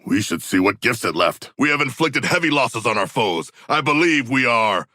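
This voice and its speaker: An actor voicing a hulking, earnest, battle-hungry shark brute in a video game, with a rough, gravelly voice and formal, articulate, literal-minded diction. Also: male voice, mid-range voice, expressive, moderate pace, bright, forceful tone, dry recording, clean studio sound. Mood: calm, earnest. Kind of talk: video game character voice lines.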